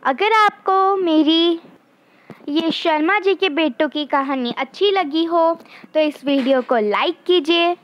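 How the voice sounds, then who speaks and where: A young woman explaining grammar in a lesson, slowly and clearly, sometimes acting out example phrases. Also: very high voice. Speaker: teacher.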